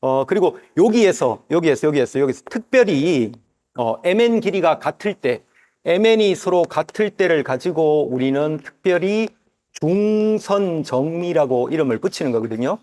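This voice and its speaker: A male math teacher walks through a geometry proof in his lesson. His voice sits a little higher than most men's. He addresses the sides of the triangle directly and drags out each term as he reads the formula aloud. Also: animated, darkish tone. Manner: talks to the figure's parts as "you", repeats steps aloud; drawn-out, slow reading of formulas.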